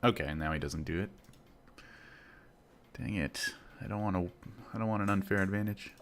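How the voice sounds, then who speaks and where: A man's voice: sits low, moderate pace, fairly bright tone, a little hiss or hum. A man streaming live as a day trader, muttering and grumbling to himself with sarcastic asides as he trades. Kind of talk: live-stream commentary while trading.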